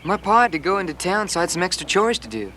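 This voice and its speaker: A man's voice: high voice, big pitch swings, fast talker. A teenage male actor playing a friendly, shy farm boy in a period television drama.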